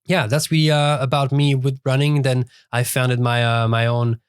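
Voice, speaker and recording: Halting man, podcast co-host. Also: mid-range voice, flat delivery, clean tone, no echo, studio quality. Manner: halting, many uh fillers and restarts. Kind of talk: casual chat. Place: dry studio.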